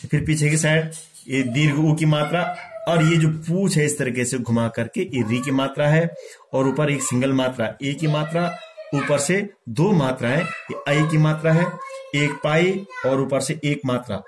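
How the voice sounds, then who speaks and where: A man's voice: medium pitch, background noise. A man teaching a lesson, patiently sounding out syllables one by one and explaining each. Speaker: Hindi teacher. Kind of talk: instructional lesson.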